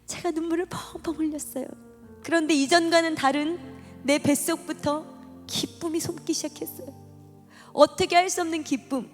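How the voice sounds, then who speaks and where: A woman's voice: high-pitched, fairly even intonation, moderate pace. A woman telling an emotional personal testimony at a church gathering, with a dramatic, storytelling delivery. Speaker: testimony speaker. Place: church hall. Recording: long hall reverb with music behind.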